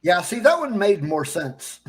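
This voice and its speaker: A man's voice: sits high, very animated, a little slow, breathy edge. A man on a podcast panel, asking careful questions with some fillers. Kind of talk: casual podcast chat.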